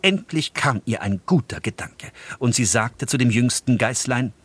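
A man's voice: moderate pace, husky, dry recording. Man reading a fairy tale. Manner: expressive storytelling, dropping low and soft at tense moments. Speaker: narrator.

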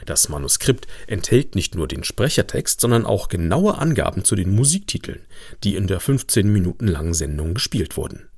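A man's voice: sits low, very animated, moderate pace, a little mellow, no echo, clean studio sound. A man reading scripted documentary narration as the narrator of a radio feature.

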